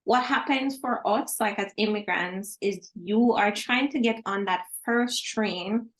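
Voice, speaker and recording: A woman's voice: medium pitch, a little slow, low-quality recording. Woman host asking casual questions. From Jamaica. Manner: conversational, brief backchannels and follow-up questions. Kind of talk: casual interview.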